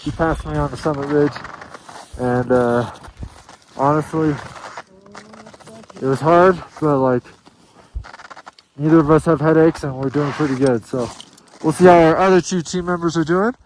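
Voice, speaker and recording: Winded man vlogging outdoors, slightly high voice. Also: unhurried, pauses often, low-quality recording. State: winded, out of breath. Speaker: climber filming own expedition vlog. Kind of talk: casual selfie vlog chat. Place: outdoors on a high snowy mountain. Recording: outdoor ambient noise on camera mic.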